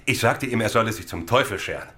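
An actor playing a cagey, roguish captain under questioning in a German radio crime drama, hesitant, sly and slangy. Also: male voice, fairly low pitch, lively intonation, fast talker, bright, forceful tone. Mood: evasive, roguish.

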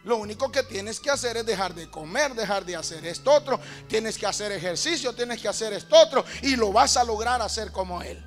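A man preaching a sermon, often calling his listeners brothers and building to shouted, rhythmic repetition. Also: sits high, lively intonation, a little fast, hardly any pauses, faint music behind.

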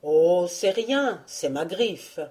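A woman's voice: deep voice, animated, moderate pace, dark tone. A woman voicing a jovial, cheeky male donkey in a storybook fable.

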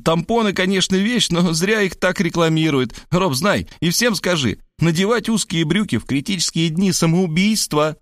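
A man reading aloud and voicing a brash, cheeky young woman who chatters in a high voice. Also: normal speed, few pauses, no room sound, studio quality, natural voice.

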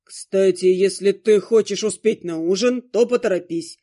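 A grumpy male ghost monster, as a woman reader puts him on, speaking in a low, gravelly grumble. He keeps his lines short and curt, fussing over the heroine. Storybook audiobook character voice. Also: moderate pace, dark tone, lightly acted. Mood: grumbling.

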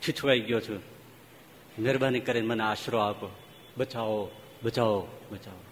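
A man's voice: lowish voice, steady tone, moderate pace, big-room sound, slight background noise, pitched below the performer's own voice, lightly acted. A man voicing a male king cobra in a told fable, whining for help and later coldly unrepentant. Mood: pleading. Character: male king cobra, pleading then cold and vicious.

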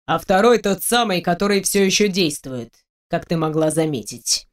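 A reader voicing a cunning, powerful male mage lord who speaks calmly and tersely in an audiobook. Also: mid-range voice, moderate pace, lightly acted. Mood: explaining. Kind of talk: audiobook character voice.

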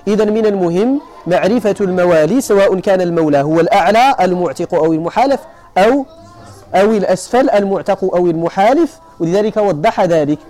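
A man with a Moroccan accent giving a classroom lecture on hadith terms, explaining each point and often asking his students whether it is clear. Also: sits high, animated, quick pace, dark tone. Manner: explains then checks if students follow. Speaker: teacher of hadith sciences.

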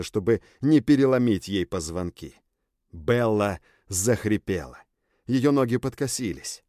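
Expressive male audiobook narrator. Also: medium pitch, no room sound, studio quality. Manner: expressive, intense storytelling. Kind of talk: dramatic first-person audiobook narration.

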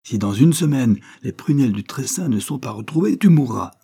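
A man's voice: mid-range voice, lively intonation, a little fast, gravelly, mellow, husky, pitched above the performer's own voice. A man doing a menacing temple conspirator. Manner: threatening, stern.

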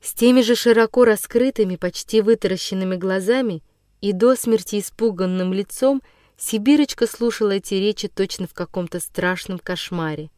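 A woman narrating a classic children's story as an audiobook, in a measured, dramatic storytelling manner. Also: mid-range voice, darkish tone, no room sound, clean studio sound.

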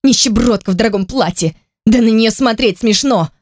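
A reader voicing a spoiled, scheming young woman in an audiobook, pleading and scornful by turns with a voice that climbs high. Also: moderate pace, no echo, clean studio sound, lightly acted. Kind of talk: audiobook character voice.

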